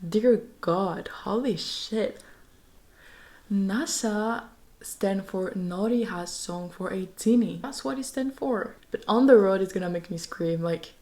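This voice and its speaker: Woman fan vlogger with a mid-pitched voice, gushing and excitable, swearing freely with whispered asides. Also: unhurried. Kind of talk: casual fan recap vlog.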